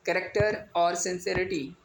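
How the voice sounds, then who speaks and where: A man's voice: sits high, level tone, unhurried, vocal fry. A man teaching an exam vocabulary lesson, spelling words out letter by letter and mixing in English definitions. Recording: echoey room with faint ambient noise.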